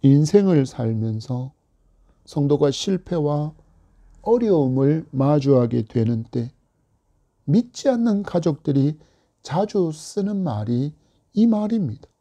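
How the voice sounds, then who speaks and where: A male pastor giving an earnest, measured expository sermon. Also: on the high side, very animated, dark tone. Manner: earnest, measured preaching with dramatic quoted voices.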